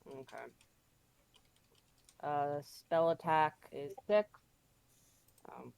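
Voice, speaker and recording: A woman's voice: low voice, drawn-out words, vocal fry, darkish tone, clean tone, no room sound. A woman playing a tabletop game, flustered and talking things through as she checks her sheet. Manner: flustered, searching her character sheet aloud. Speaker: player. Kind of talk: casual tabletop game play.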